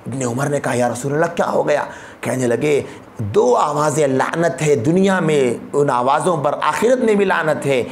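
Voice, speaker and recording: Impassioned preacher in an echoey hall. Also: male voice, expressive, normal speed, vocal fry, a little hiss or hum. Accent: Hyderabadi Urdu. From India. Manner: impassioned, rising to emphatic peaks and dropping low. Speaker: mufti, Islamic preacher. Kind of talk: sermon.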